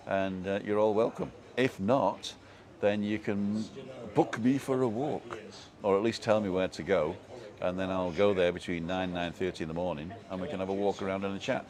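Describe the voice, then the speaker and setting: Reading comments aloud on a relaxed live stream, a low-pitched man from Manchester, England, talks with his viewers in a soft local accent.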